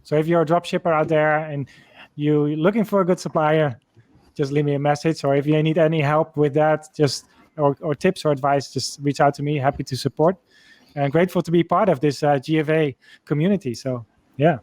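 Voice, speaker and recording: A man's voice: on the high side, fairly even intonation, a little fast, darkish tone, no room sound. A man introducing himself on a panel, friendly and offering help to listeners. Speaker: panelist, sourcing and shipping.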